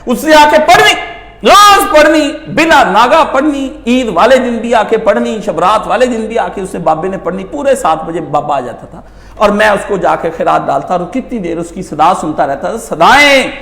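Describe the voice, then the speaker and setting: A man preaching an impassioned, rhetorical sermon that swings between loud and soft. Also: high-pitched, animated. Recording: echoey room.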